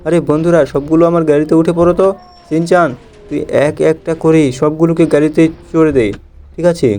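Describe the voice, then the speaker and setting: A young man with a Bengali accent, chatting excitedly as a gameplay host talking to viewers. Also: on the high side, a little fast, soft background music. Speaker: gaming channel host. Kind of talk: playful gameplay commentary.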